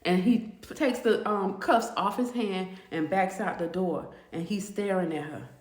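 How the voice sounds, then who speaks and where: A woman telling a storytime tale in a casual, animated way, acting out the people in it. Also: mid-range voice, unhurried, roomy sound. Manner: animated, acts out the quoted voices.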